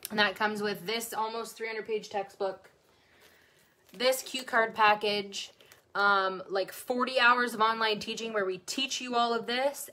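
A woman tutoring nursing exam students on a live stream, bubbly and excitable, chatting and answering viewers' comments. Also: medium pitch. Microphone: phone or webcam, livestream.

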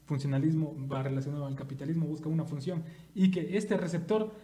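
An Ecuadorian man talks through media theory on a podcast, animated and full of asides. His voice sits a little high, yet it sounds very dark and mellow. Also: quick pace, breathy edge. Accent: Ecuadorian Spanish. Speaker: podcast co-host. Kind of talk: casual discussion. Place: studio.

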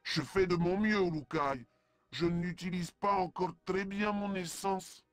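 A humble alien healer's apprentice in a game. He speaks earnestly in a fairly high, dry voice, with faint music behind. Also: a little slow, dry recording. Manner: earnest, deferential, apologetic. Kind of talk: French video game dub acting.

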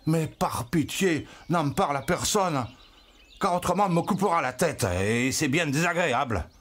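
A man reading a fairy tale aloud, voicing a hot-tempered rich innkeeper in a high, strained put-on voice. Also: normal speed, a bit bright. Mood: pleading.

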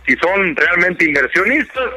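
A man, a baseball columnist on a debate panel, who speaks in a measured way and corrects himself carefully. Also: high-pitched, sing-song, sharp tone, soft background music, poor audio. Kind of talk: sports debate.

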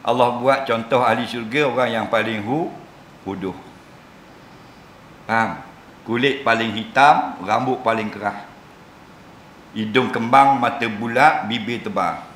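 A man's voice: medium pitch, measured pace, pauses often, a bit bright, slight background noise. A man giving a jokey mosque lecture, often asking the audience if they understand. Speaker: religious lecturer. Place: mosque hall. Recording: roomy mosque hall sound.

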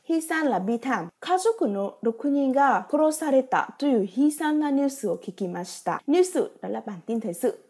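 A woman's voice: sits high, lively intonation, normal speed, few pauses, dark tone, breathy edge. A woman teaching a vocabulary lesson, reading example sentences and patiently explaining each with rhetorical check questions. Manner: reads example sentences then explains them. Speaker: Japanese teacher.

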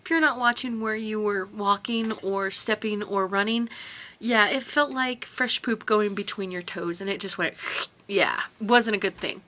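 A woman vlogger telling a personal memory to camera, halting and emotional, often trailing off quietly. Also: mid-range voice.

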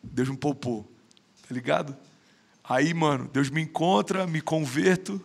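A man's voice: fairly high pitch, measured pace, creaky, husky. A man in his thirties with a Brazilian Portuguese accent, a podcast guest telling stories in a slangy, emphatic casual chat. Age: 30s. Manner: slangy, emphatic, keeps saying "mano".

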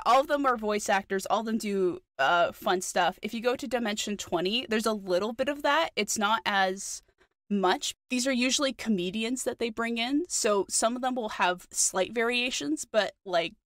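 A woman's voice: medium pitch, fairly bright tone, no echo, clean studio sound. A woman with a New Zealand accent co-hosting a podcast, chatting eagerly with lots of fillers. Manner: chatty, enthusiastic, many fillers. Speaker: podcast co-host. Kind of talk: casual chat.

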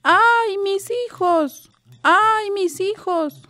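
A grieving ghost mother wails for her children in slow, stretched-out cries, pitched high above an ordinary woman's speaking voice, as a storyteller from Guerrero puts her on. The sound is close and dry, with no room around it. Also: sharp tone, dry recording, exaggerated voice. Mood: wailing. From Guerrero, Mexico. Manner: long drawn-out wailing cries.

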